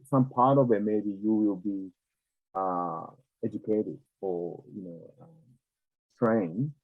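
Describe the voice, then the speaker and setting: Man, Japanese accent, non-native speaker, halting reflective explanation, lowish pitch, phone-like sound. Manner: halting, searching for words in non-native English. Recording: tinny, narrow phone-like, echoey room.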